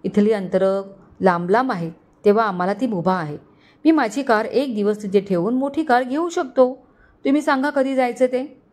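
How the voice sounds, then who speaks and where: A woman reading an earnest young man in a storybook romance, quick to offer help and sounding raised and bright. The line reads as considerate and sincere, with a light lift in pitch. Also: close to an everyday voice. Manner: earnest, helpful.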